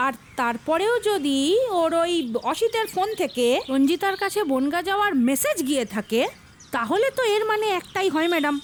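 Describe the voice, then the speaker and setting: A woman's voice: extremely high pitch, sing-song, fairly quick, slight background noise. An actress playing an eager, deferential junior woman officer in a web series drama. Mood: earnest. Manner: pleading, keeps saying madam.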